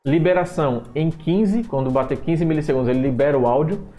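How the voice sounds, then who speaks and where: A man walking through his microphone filter settings in a screen-recorded software tutorial, often restarting phrases and repeating points as he goes. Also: a little high, quick pace, muffled recording, faint music behind. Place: home room with street noise outside. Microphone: desktop microphone at a computer.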